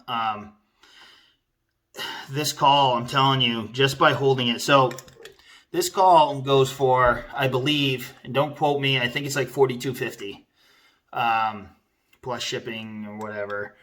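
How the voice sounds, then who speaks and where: Guy doing a laid-out casual review vlog, sharp bright voice, chatty and kinda rambly. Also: medium pitch, steady tone, a little slow, long pauses. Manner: rambling, conversational, informal. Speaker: product reviewer.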